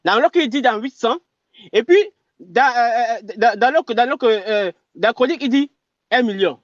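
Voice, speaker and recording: A man in a heated online religious debate, halting and restarting, who keeps pleading for the other man to listen. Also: extremely high pitch, no echo, muffled recording.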